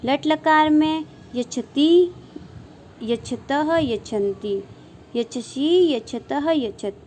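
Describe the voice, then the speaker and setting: A woman teacher slowly reciting verb forms in a measured grammar lesson. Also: sits high, darkish tone, slight background noise.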